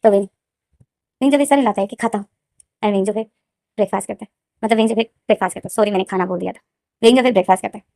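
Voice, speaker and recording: A woman's voice: medium pitch, rapid-fire, gravelly, long pauses, warm tone. A woman casually retelling a fan story in a chatty, rambling way, repeating names often, close to the mic.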